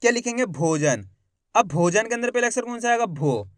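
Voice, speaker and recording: A man teaching a reading lesson. He sounds out each word slowly, syllable by syllable, and he asks the viewer questions and then answers them. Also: sits high, very animated, fairly bright tone, no echo, studio quality. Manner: slow, syllable by syllable, repeating words.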